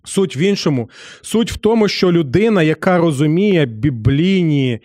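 A man's voice: a little high, expressive, moderate pace, darkish tone, no room sound, clean studio sound. A man preaching and teaching from the Bible to his listeners, asking rhetorical questions and acting out the speech of figures in the story.

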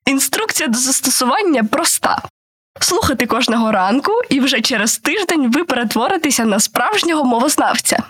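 A woman radio host answering and asking questions in a word quiz with a measured, thoughtful delivery. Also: high voice, expressive, fairly bright tone, breathy edge. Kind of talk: language quiz chat.

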